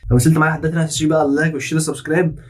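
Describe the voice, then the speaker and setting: Fast sarcastic Egyptian man reacting. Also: on the high side, fairly even intonation. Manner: mocking, teasing. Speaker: reaction video host. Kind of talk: casual sarcastic commentary.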